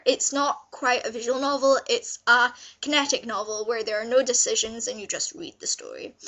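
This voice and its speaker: Gushing and rambling through an unscripted video, this young woman reviews visual novels casually, repeating words to stress her points. She speaks on the high side, her tone fairly bright.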